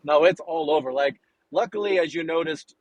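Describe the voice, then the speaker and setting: A man's voice: fairly high pitch, normal speed, dry recording, muffled recording. Chatty, enthusiastic man with dry, close sound. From United States. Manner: chatty, enthusiastic, rambling with restarts. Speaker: coffee importer and roaster guest. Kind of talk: casual podcast interview.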